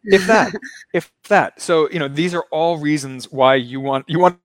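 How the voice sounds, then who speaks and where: A Baltimore, Maryland native with a fairly high voice speaks at normal speed, with no room sound, as he hosts a finance chat remotely from Brazil. His style is loose and lecture-like, punctuated by frequent laughs.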